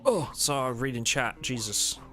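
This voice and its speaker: A man with a bright, forceful voice streams a game live, chatting loosely with his viewers and rambling through explanations as he plays. Soft guitar music plays faintly underneath. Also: mid-range voice, expressive, measured pace. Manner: casual, rambling, talks to chat. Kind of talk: live gameplay stream chat.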